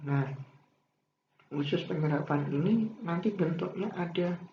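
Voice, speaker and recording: A man talks a school lesson through in a slightly high voice, steady and explanatory, with "nah" and "eh" between points. The sound is muffled and echoey, with a faint hiss behind it. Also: unhurried. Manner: steady explaining pace, frequent "nah" and "eh" fillers. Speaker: teacher. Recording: roomy, dull, faint room hiss.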